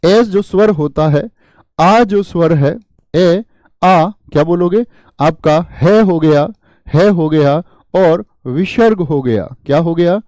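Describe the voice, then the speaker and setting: Guy teaching class, keeps asking questions n repeating, mellow voice a bit high. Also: takes it slowly, no room sound. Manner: uses memory tricks and jokes. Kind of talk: classroom lesson.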